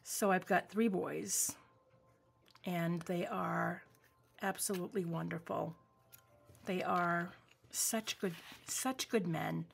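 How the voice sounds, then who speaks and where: A New England woman in her forties, a craft vlogger, rambles warmly through a casual craft-along at home, filled with asides and plenty of ums, filmed by an overhead camera showing only her hands. Her gravelly voice is lowish and fairly even, moving slowly with frequent pauses. Slight background noise is present.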